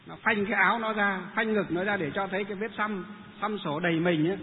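High-voiced monk telling a story. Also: male voice, fairly quick. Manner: lively, rhetorical questions. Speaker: Buddhist monk. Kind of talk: storytelling talk. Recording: tinny phone-like sound with long reverb and faint noise.

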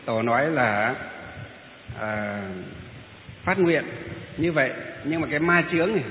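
Slow halting man in an echoey hall. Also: on the high side, expressive, slight background noise. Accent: Northern Vietnamese. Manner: slow, halting with frequent drawn-out fillers. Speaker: Buddhist lecturer. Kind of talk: dharma lecture. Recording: echoey hall on a tinny phone-like line.

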